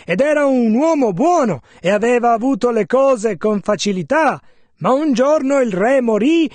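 A man voices a translation of a sermon, rendering each passage in steady, measured phrases. His voice is very high. The recording is dry and close, with no room sound. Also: no room sound. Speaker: sermon interpreter.

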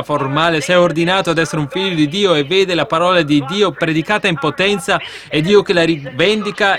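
A man's voice: a little high, a bit bright. A man preaching a sermon to a congregation, speaking fervently and swelling into emphatic outbursts.

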